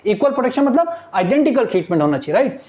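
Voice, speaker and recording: A woman teacher with an Indian accent, slowly reading English editorial lines aloud and then explaining them in Hindi, checking in with her students again and again. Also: on the high side, very animated, dark tone. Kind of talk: exam-prep lesson, reading and explaining an editorial.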